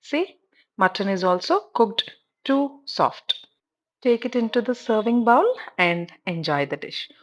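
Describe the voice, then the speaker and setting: A woman's voice: mid-range voice, lively intonation, measured pace, muffled recording. A woman with a South Indian accent narrating a cooking tutorial as host, giving step-by-step instructions and often prompting the viewer to look.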